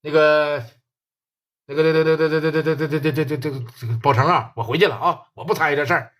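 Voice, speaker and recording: A man's voice: fairly high pitch, fairly even intonation, brisk, fairly bright tone, natural voice. A man voicing a nervous, evasive middle-aged man from the underworld, stammering in a Northeastern Mandarin accent.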